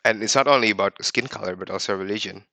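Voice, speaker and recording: A man in his thirties from Indonesia shares his life story as a podcast guest. His voice is bright and forceful and sits a little low, recorded close and dry. He talks reflectively, often stopping to restart a sentence. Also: quick pace, vocal fry, no room sound. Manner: reflective, with frequent restarts and fillers. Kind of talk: personal storytelling.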